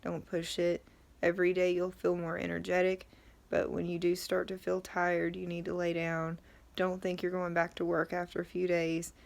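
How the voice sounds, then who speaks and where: A woman's voice: lowish voice, completely flat delivery, normal speed, gravelly. A middle-aged woman talking casually and matter-of-factly to camera, her throat sore as she recovers from tonsil surgery. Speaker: vlogger.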